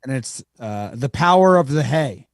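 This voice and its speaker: A male podcast co-host chats casually and playfully about baseball in a medium-pitched voice with lively intonation at a normal speed. The studio-quality recording has no room sound.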